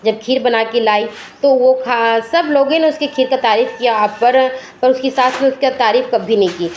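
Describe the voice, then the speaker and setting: Homely woman storyteller, fairly high voice. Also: normal speed, slight background noise. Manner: loose, homely, with restarts. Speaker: storyteller of a home channel. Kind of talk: casual oral storytelling.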